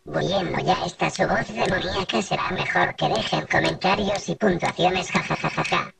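A synthetic man's voice, pitch-shifted upward, stiffly reading a scripted tutorial sign-off. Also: normal speed, vocal fry, a crowd in the background. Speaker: tutorial narrator. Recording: distant sound, faint noise and clicks.

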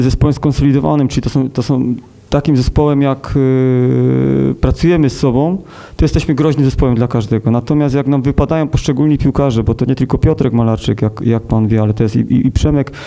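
Male coach in his thirties, very dark voice, hesitant, measured, many fillers, press conference table mic. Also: mid-range voice, fairly even intonation, gravelly. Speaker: football coach. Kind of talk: post-match press conference. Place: press conference room with sponsor wall.

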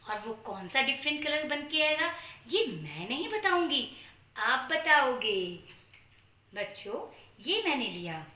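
An Indian-accented woman speaks to young children as their kindergarten teacher. Her voice is high and bright, with big swoops in a sing-song, questioning manner and a playful touch of kids' magician patter. It is recorded in an echoey small room. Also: sing-song, unhurried. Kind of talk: children's lesson presented to camera. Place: small room at home, indoors.

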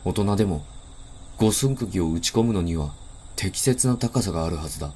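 A man narrating a first-person horror story in a deliberate, suspenseful way. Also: deep voice, lively intonation, darkish tone, slight background noise. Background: background music.

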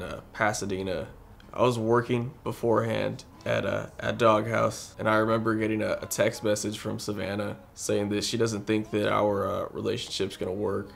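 A young man speaking candidly in a documentary interview, halting and restarting as he talks. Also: on the low side, gravelly. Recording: soft music underneath.

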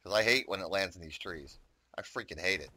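A man's voice: low-pitched, fairly quick, sharp tone, no echo. A man giving casual, rambling commentary on his own gameplay, chatting to viewers and swearing often. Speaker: gaming YouTuber.

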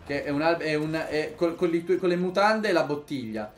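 A young Italian man reacting to a co-op game in real time, bursting into loud outbursts and then dropping to quick mutters. His voice sits a little high, with faint music playing beneath it. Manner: excitable, swears, jumps between loud outbursts and mutters. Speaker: gaming YouTuber. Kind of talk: casual gameplay commentary.

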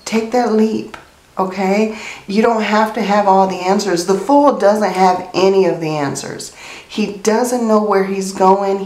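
A woman's voice: fairly low pitch, darkish tone, reverberant, poor audio. A woman with a congested, stuffy nose gives a casual, reassuring tarot reading straight to the viewer, often checking in with short questions. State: congested sinuses. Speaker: tarot card reader, host.

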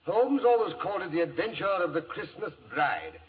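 An actor playing a genial elderly English doctor, a wordy storyteller in a 1940s radio drama. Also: male voice, high voice, big pitch swings, normal speed. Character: elderly English doctor reminiscing genially, Holmes's old companion. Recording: muffled, hissy 1940s radio recording.

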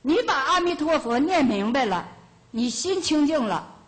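An older woman teaching Buddhism to a hall audience in a lively storytelling way. Her voice sits a little high, and she often breaks into small chuckles as she goes. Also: moderate pace. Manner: lively, homespun anecdotes with chuckles. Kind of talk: storytelling dharma talk. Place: lecture hall of a Buddhist centre.

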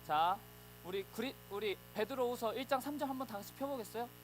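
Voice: mid-range voice, fairly quick, slight background noise, rough recording. A preacher giving a children's Sunday sermon, storytelling animatedly and acting out voices.

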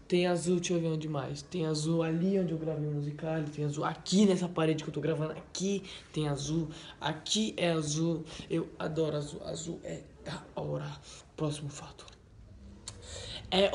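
A man talks in a fairly high voice, rambling excitably through anecdotes in a casual home vlog. Faint noise hums behind him. He leans on fillers and keeps the tone loose. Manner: excitable, rambling, full of "tipo assim" and "né". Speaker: channel host. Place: at home by a wall indoors.

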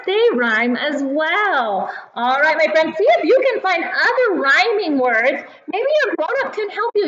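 Woman, kindergarten teacher, high voice, simple encouraging read-to-a-toddler delivery, roomy classroom sound. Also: a bit bright, dull audio. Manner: simple, deliberate, encouraging talk as if reading to a toddler. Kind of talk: teaching and reading aloud to young children. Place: classroom, indoors.

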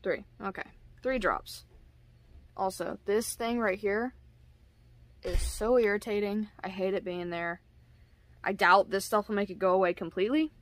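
A woman's voice: medium pitch, steady tone, moderate pace, pauses often, dry recording. Giggly rambling woman reviewing a face mask. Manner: giggly, self-deprecating and rambling. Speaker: product reviewer. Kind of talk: casual product review vlog.

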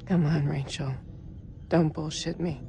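A woman's voice: sits low, steady tone, measured pace, dark tone, faint music behind. An actress playing an injured, weary, bitterly sarcastic female scientist in a cinematic horror game. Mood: grim, resigned. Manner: sardonic, weary. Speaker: video game character actor.

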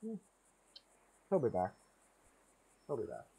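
A man's voice: medium pitch, huge pitch swings, takes it slowly, vocal fry, warm tone, husky. Rambling man giving gameplay commentary. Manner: rambling, confused asides to himself. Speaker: gamer.

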